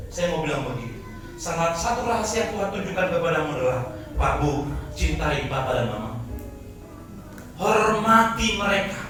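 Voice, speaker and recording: A high-voiced man in his forties preaches to a congregation, dropping to a hushed telling of his own story and then rising to shouted exhortation. He sounds far from the mic in a very echoey church hall, with music playing clearly behind him. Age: 40s. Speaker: pastor. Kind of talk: sermon.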